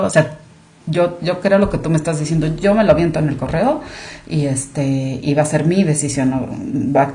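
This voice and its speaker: A woman's voice: deep voice, warm tone. A woman, a guest talking casually on a podcast, chatty with many fillers. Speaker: guest, clinical monitoring director.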